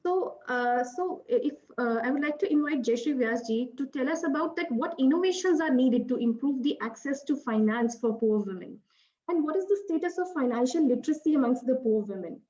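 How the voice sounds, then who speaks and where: A woman's voice: high-pitched, animated, brisk, warm tone, lo-fi sound. A woman with an Indian English accent moderating a virtual panel discussion, hesitant, with many filler sounds. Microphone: video call.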